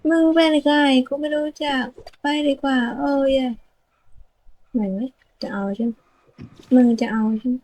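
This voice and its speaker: A woman's voice: sits high, unhurried, pauses often, dark tone, poor audio. A young woman casually commenting as she plays a game, with crude slang and lots of exclamations. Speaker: game streamer. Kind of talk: casual let's-play commentary.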